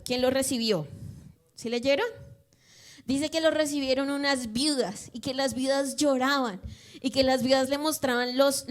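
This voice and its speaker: A woman preaching an expository sermon in a conversational way, often putting questions to the congregation. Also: sits high.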